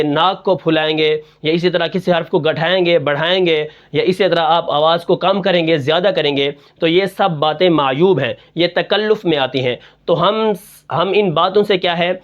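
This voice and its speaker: High-voiced man teaching recitation rules. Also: dull audio. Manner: asks and answers his own questions, drops low on the answer; breaks into slow, drawn-out Quran recitation to demonstrate. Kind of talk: tajweed lesson in Urdu.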